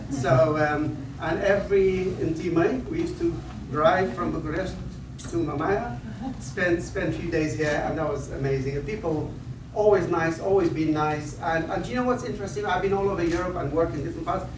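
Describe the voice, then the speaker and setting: In an echoey lecture hall, picked up by a distant mic amid background noise, a man in his fifties from northern Iraq talks at normal speed in a fairly high pitch. He's an invited speaker starting his lecture with meandering personal stories, self-deprecating humor and frequent restarts.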